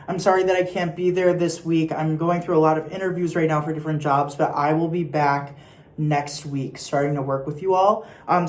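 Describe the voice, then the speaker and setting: A young adult choir teacher giving patient rehearsal instructions and singing short example phrases. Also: medium pitch. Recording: echoey room.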